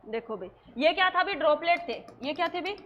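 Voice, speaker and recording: A woman's voice: very high voice, expressive, quick pace, dull audio. A woman teaching a nursing class in a lecture style, asking questions and answering them herself.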